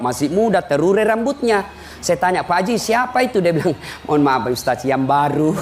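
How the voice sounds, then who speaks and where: A man giving a humorous sermon, telling jokes and stories in an animated way. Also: sits high. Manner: animated, joking storyteller. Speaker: preacher.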